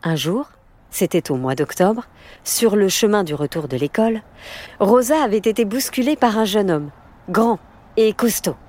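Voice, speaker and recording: A woman narrating a storybook in an expressive, vivid way. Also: medium pitch, moderate pace.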